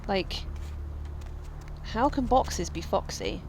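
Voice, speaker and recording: A woman's voice: mid-range voice, huge pitch swings, takes it slowly, darkish tone, slight background noise, rough recording. A woman rambling casually while streaming a game, full of fillers and asides. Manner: rambling, chatty, many fillers. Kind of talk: casual let's-play chat.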